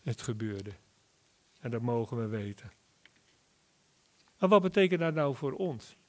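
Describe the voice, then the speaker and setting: A man preaching a sermon, explaining Bible verses deliberately and rising to emphatic calls at key words. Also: medium pitch, expressive, a little mellow. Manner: slow, deliberate Bible exposition with emphatic rises.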